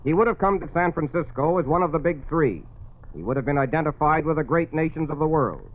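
A male news commentator giving formal, measured radio commentary in a solemn tone, heard as an old 1940s broadcast. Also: fairly high pitch, narrow, tinny audio, slight background noise.

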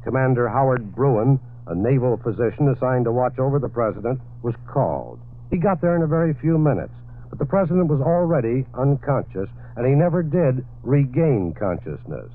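A man's voice: medium pitch, moderate pace. Man reading 1940s radio news. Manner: steady reading with occasional fillers. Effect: old 1940s radio broadcast. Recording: tinny old radio broadcast.

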